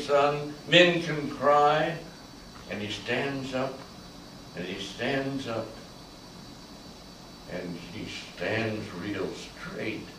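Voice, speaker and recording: An older man, a veteran, performing a slow, emotional spoken-word monologue that swells to loud peaks on key lines. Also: lowish voice, noisy background. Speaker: Vietnam veteran storyteller. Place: large echoey college room. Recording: echoey room from far off.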